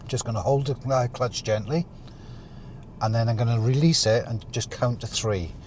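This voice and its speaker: A man talking through a driving lesson as an instructor, calmly explaining each step while he drives. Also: medium pitch, moderate pace. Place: inside a moving car. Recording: car interior with faint vehicle noise.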